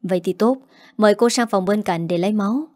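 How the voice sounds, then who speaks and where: A woman voicing a brisk, matter-of-fact male doctor in a read-aloud story. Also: medium pitch, darkish tone, no room sound, clean studio sound, natural voice. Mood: urgent.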